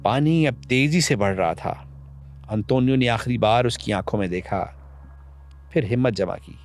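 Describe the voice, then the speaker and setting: A man narrating a tragic story in a solemn, emotional storytelling manner. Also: mid-range voice. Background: faint background music.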